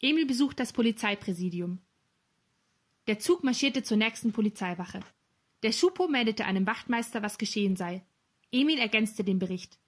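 A woman narrating a children's novel as an audiobook, with clear, lively storytelling. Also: a little high, moderate pace.

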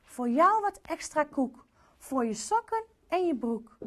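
A woman's voice: sits high, very animated, measured pace, a bit bright, slight background noise, voice pushed up, heavily acted. A woman voicing a sulky, childish king in a storybook reading for children. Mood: apologetic. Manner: whiny, then apologetic.

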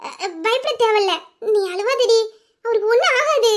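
A woman voicing a policewoman and older sister who speaks steadily to reassure and calm others. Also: extremely high pitch, normal speed. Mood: soothing worry. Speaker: police officer. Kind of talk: Tamil audio drama acting.

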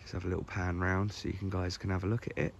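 A low, creaky voice with a flat delivery comes fast from an English man in his forties, vlogging about fishing by a lake. He talks casually to a camera on a stand close by, with lots of ums and restarts, over slight background noise with the highs cut off.

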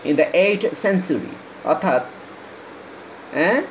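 A man from Bangladesh teaching an English lesson, reading English lines slowly and explaining quickly in Bengali. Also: high voice, lively intonation, a little hiss or hum, low-quality recording.

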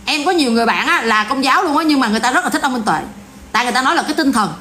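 Talking at a racing pace in a high-pitched voice, this woman vlogger with a Southern Vietnamese accent vents to her viewers in a blunt, casual, animated way, repeating herself. A little hiss or hum is audible.

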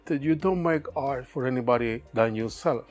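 Loud music almost covers this Cuban artist's medium-pitched voice as he talks about his art in a cluttered studio workshop. A native Spanish speaker with a Cuban accent, he reflects thoughtfully, his grammar halting and non-native.

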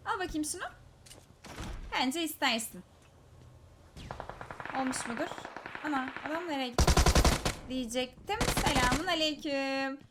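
A woman giving live commentary over her own mobile shooter match, teasing enemy players and breaking into excited shouts. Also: high-pitched, unhurried, pauses often, heavy background noise. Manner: teasing, talks to enemies, bursts of excited shouts. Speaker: gaming streamer. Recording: loud gunfire game audio behind. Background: game gunfire and clicks.

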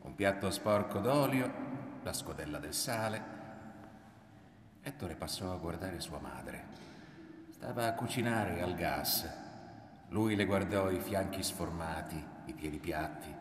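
A man reading a novel aloud in an expressive, dramatic narration. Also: sits low, slight background noise. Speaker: reader. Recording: roomy hall from far off.

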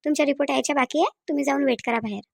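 A woman's voice: high-pitched, rapid-fire, vocal fry, no room sound, clean studio sound. Woman voicing a soothing cartoon doctor. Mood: reassuring. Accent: Varhadi Marathi. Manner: soothing, repeats reassurances. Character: calm reassuring female doctor, middle-aged.

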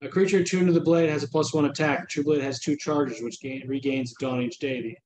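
A man narrating a tabletop game casually as game master, often halting to find his words. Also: on the high side, steady tone, a little mellow, echoey room, rough recording. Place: indoors at home, on a video call.

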